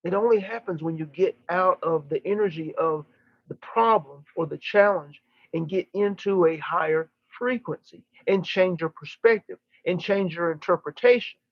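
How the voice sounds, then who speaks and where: A man with a high voice delivers channeled teaching in the manner of a seance medium. He speaks in oratorical, formal phrases, repeating himself and pausing deliberately for emphasis. The recording is dull and dry, with little room sound. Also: no echo. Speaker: channeler giving a live session.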